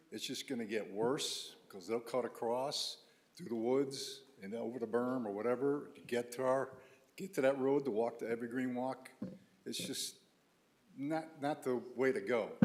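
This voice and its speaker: A man's voice: medium pitch, a little mellow. A man giving a blunt, casual public comment at a town meeting. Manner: plain-spoken, casual, blunt. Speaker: resident speaking at public comment.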